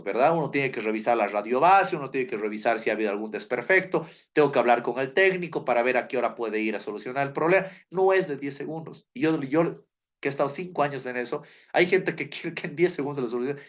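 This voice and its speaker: Male teacher, mid-pitched, tells classroom anecdotes with acted-out voices, muffled recording. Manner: storytelling, acts out quoted voices, repeats key points.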